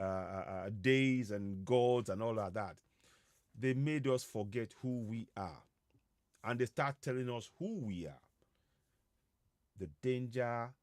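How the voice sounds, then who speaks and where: In a lowish voice, a man from Yorubaland in West Africa, whose first language is Yoruba, delivers a live advocacy monologue as host of an online broadcast. He is slow and halting, repeating phrases and hesitating frequently. The clean studio sound has no echo.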